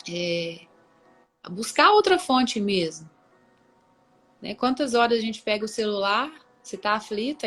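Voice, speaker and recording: A woman's voice: a little high, rough recording. A woman hosting a live book reading, talking in a casual devotional way over a video call and often tagging her sentences with questions. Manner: warm, conversational, with many tag questions.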